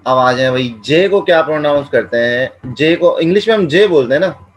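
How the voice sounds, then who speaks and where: A man teaching Chinese pronunciation, repeating each sound several times and explaining in a relaxed, conversational way. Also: fairly high pitch, low-quality recording. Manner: drills each sound slowly, repeating syllables. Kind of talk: classroom-style language lesson.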